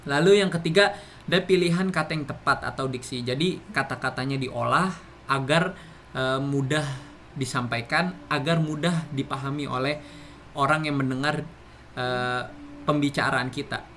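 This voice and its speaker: A man's voice: mid-range voice, moderate pace, fairly bright tone, a little hiss or hum. A man giving a classroom explanation, speaking with many fillers and restarts. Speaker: presenter.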